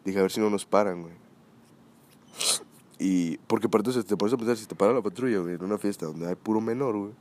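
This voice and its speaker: A man's voice: on the low side, fast. Slangy Mexican man telling a story. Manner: slangy and animated, often swearing, peppered with "güey". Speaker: podcast co-host telling a story. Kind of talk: casual chat, storytelling.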